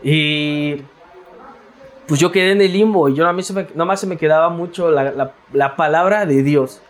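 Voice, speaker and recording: A man's voice: on the high side, moderate pace. Mexican man, slangy reflective guest. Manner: slangy, restarts, frequent tag questions. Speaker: interview guest. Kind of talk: casual reflective interview talk.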